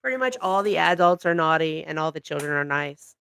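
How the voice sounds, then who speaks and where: A woman's voice: low voice, brisk, gravelly, clear, resonant tone. A woman co-hosting a casual podcast, telling stories with lots of laughter. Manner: animated storyteller, laughs often. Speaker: podcast co-host. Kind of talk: casual chat.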